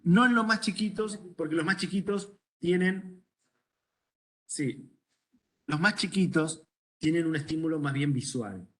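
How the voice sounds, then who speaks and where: A man's voice: on the high side, measured pace, long pauses, a bit bright. A middle-aged man with a Rioplatense Spanish accent, an ENT doctor lecturing medical students, asking the class questions and telling stories from his practice. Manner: conversational, asks the class questions, tells anecdotes.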